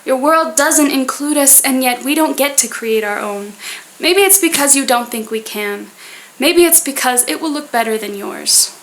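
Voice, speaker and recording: A woman performing spoken word poetry in an earnest manner, with deliberate, poetic phrasing. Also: sits high, lively intonation, fairly bright tone.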